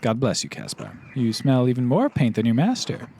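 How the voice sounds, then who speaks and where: A man voicing a gentle blind nun in a soft, friendly way while he reads game dialogue aloud. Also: mid-range voice, very animated, fairly quick, creaky, a little hiss or hum, voice pushed up. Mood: kindly.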